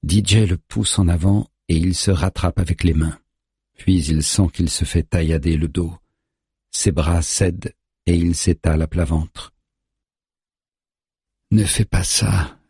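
Deep, husky man narrating a thriller. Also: no echo, studio quality. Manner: steady, tense storytelling. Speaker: audiobook narrator.

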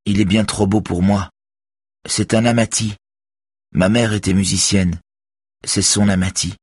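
A man's voice: on the low side, fairly even intonation, unhurried, breathy edge, no room sound, pitched above the performer's own voice. A man doing a weak, timid young boy. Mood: subdued. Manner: faint, reluctant voice. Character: pale, weary, timid teenage boy.

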